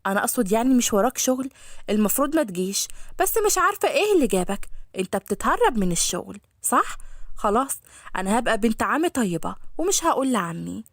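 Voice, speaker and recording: A woman's voice: fairly high pitch, very animated, fast talker, no room sound, clean studio sound, pitched below the performer's own voice. Woman doing Rahaf, a cheeky chattering Egyptian girl. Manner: chattering, teasing, sing-song. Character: young woman, playful and cheeky.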